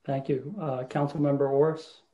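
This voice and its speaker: Halting man chairing a meeting, monotone. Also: mid-range voice, highs cut off. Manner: halting, many fillers. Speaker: mayor.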